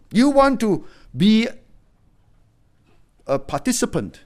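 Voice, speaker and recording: Emphatic middle-aged man preaching, fairly high voice. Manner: emphatic, swings between loud exhortation and quiet low-voiced warning. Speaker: pastor. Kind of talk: sermon.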